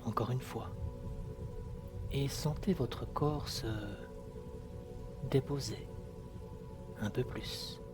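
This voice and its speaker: Guy doing sultry hypnosis narration, really slow n hushed, soft music bed clearly under him. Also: mid-range voice. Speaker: hypnosis session guide. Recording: music behind the voice. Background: clear background music.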